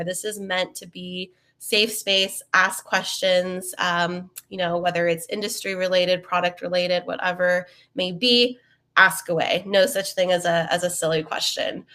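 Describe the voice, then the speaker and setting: A lowish voice with a sharp tone belongs to a young woman hosting a live webinar. Sniffly as she gets over a cold, she stays chatty and upbeat, filling her speech with ums and uhs.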